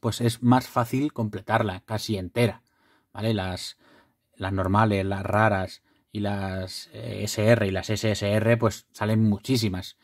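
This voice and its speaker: Casual male vlogger, chatty, prone to loud excited outbursts, dry close sound. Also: on the low side, unhurried, dry recording. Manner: bursts into loud swearing excitement over rare pulls; chatty, rambling, restarts often. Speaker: card collector vlogger. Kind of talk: casual unboxing chat.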